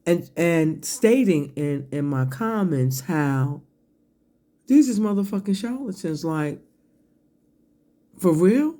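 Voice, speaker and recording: Pausing often and speaking slowly, this person launches into a combative, foul-mouthed online tirade, drawing each word out emphatically. Between phrases they take sips of a drink, cough and clear their throat; their medium-pitched voice is mellow with lively intonation.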